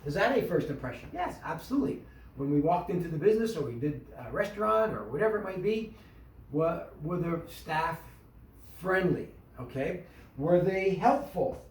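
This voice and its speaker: A man giving an instructional talk to a small business group, animated and full of questions, acting out tones of voice. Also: on the high side, normal speed, far from the mic, slight background noise. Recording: echoey room, voice from off the mic.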